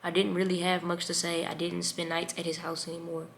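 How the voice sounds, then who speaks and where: A young woman vlogger telling a personal story in an emotional, animated way. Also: fairly low pitch, brisk, creaky, a little hiss or hum. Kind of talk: storytime vlog.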